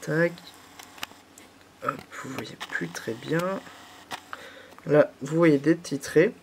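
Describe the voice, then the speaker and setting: On a low-quality recording with a little hiss or hum, a young French YouTuber with a slight cold speaks slowly in a higher voice. He takes viewers step by step through a candy kit tutorial, patient and heavy on fillers.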